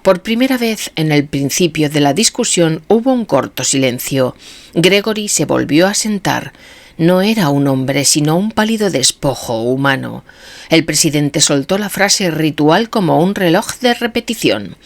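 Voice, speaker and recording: Low, lively woman narrating a novel. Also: a little slow. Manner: expressive, dramatic. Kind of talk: dramatic audiobook narration.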